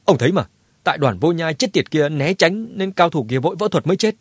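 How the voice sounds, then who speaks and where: A man voicing a scheming noble clan leader who talks fast and shrill, shifting blame. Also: wildly swooping pitch, husky, no echo, clean studio sound. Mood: panicked.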